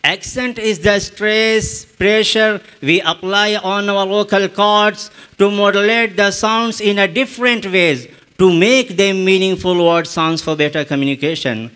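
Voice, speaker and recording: A man with an Indian English accent, teaching a spoken English lesson with slow, deliberate explanations and repeated examples. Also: sits high, fairly even intonation, a bit bright, smooth.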